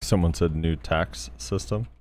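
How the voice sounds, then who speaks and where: A man hosting a casual gaming podcast, relaxed and laid-back, still in his morning voice. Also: low voice, moderate pace, smooth. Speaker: podcast host.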